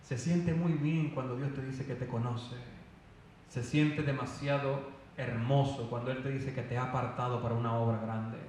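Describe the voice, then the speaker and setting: A man preaching a fervent sermon with loud emphatic calls. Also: medium pitch, a little hiss or hum. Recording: echoey hall, voice from far off.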